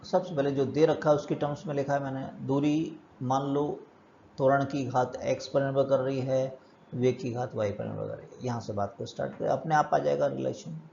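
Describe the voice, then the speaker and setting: A man's voice: medium pitch, steady tone, a little fast, vocal fry, warm tone, highs cut off, a little hiss or hum. A male physics teacher giving a step-by-step lecture, asking and answering his own questions as he works through problems. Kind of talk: classroom lecture.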